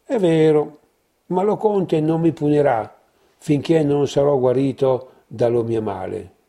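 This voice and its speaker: A man's voice: a little high, a little slow, warm tone. A man voicing a sly young male painter who talks in raised, exclaiming phrases.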